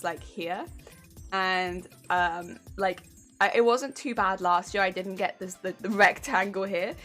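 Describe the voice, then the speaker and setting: A British woman streams from her home craft room, chatting casually as she crafts and giggling while she greets her viewers. Her mid-range voice is fairly bright but weak and warbly, a bit congested from hay fever.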